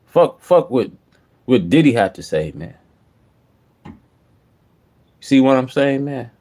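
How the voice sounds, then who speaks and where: A man's voice: mid-range voice, big pitch swings, slow pace, a little mellow. A man hosting a live stream, reacting to a clip in casual slang and often filling with "man". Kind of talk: reaction commentary.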